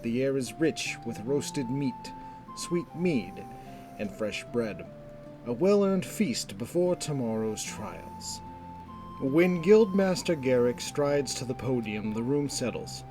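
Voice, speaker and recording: With music playing behind him, a male narrator tells a scripted fantasy tale, his delivery measured and descriptive. He has a mid-pitched voice and an animated, lively intonation.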